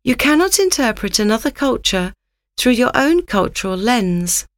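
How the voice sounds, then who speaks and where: Narrator, female: raised, animated pitch with a dry, close sound, measured and instructive. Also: no echo. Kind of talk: scripted narration.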